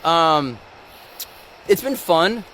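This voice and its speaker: Excitable man live-streaming outdoors. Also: fairly high pitch, drawn-out words, slight background noise. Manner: excitable, rambling, emotional. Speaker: ghost-hunting channel host. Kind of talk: live-stream vlog address. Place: outdoors by a rock wall during a thunderstorm. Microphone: phone or camera on a live stream.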